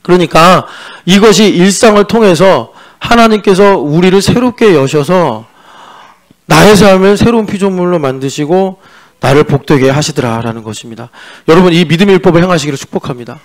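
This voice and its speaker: A male pastor delivers a sermon in a church sanctuary. He talks in a loose, conversational way, joking with and teasing his congregation. His voice sits somewhat higher than is usual for a man. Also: animated, a little fast. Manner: mixes in sung-style English lyric lines.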